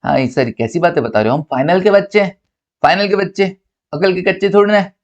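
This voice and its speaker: A cheeky young student talking back to his teacher in a mock-indignant, slightly whiny tone, as a male lecturer puts him on. The voice sits a touch higher than usual and comes through a dull, lo-fi recording. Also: a little fast.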